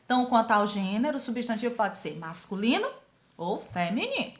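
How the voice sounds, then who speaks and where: A woman with a Brazilian Portuguese accent leads a grammar review for young students. Her voice sits a little high, and she drags out key words for emphasis and asks quick check-in questions. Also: very animated. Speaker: teacher. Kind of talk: grammar review lesson for sixth graders.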